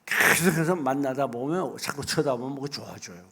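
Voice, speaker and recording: A middle-aged man preaching a sermon as pastor, folksy and animated, acting out little asides. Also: medium pitch, a little fast, creaky, slightly rough.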